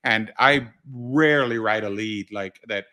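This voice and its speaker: Bright-voiced man in chatty sports talk. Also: fairly low pitch, unhurried. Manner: chatty, says "you know" often. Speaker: podcast co-host and sports writer. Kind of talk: casual sports chat.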